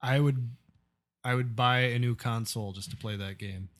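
A man's voice: mid-range voice, fairly even intonation, moderate pace, fairly bright tone. A man from Nebraska co-hosting a podcast in casual chat, laughing often and talking animatedly. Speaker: podcast co-host.

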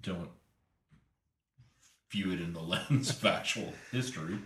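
A man's voice: low-pitched, measured pace, a bit bright. A man co-hosting a music podcast, making dry jokes and restarting his sentences with a stammer. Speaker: podcast co-host. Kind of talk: casual music podcast chat. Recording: roomy echo, faint noise.

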